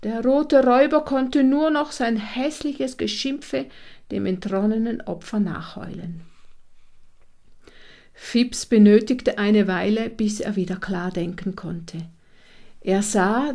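Slow, expressive woman storyteller. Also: medium pitch. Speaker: narrator. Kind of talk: storybook read-aloud.

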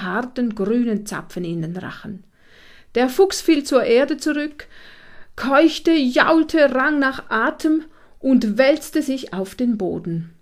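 Woman narrator, unhurried and expressive, slightly high voice, storybook reading. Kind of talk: storybook read-aloud.

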